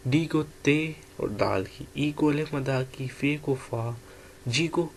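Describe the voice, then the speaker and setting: A man giving an online language lecture, explaining letters and sounds one by one in a slow, patient way. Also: fairly high pitch, a little hiss or hum. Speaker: language teacher.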